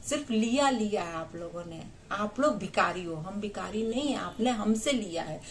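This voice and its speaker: An Indian woman in her thirties talks directly to her audience in a personal vlog. Her manner is indignant and emphatic, with frequent rhetorical questions, and her voice sits at an ordinary middle pitch. A faint background noise runs under the recording. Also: lively intonation, normal speed. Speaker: vlogger.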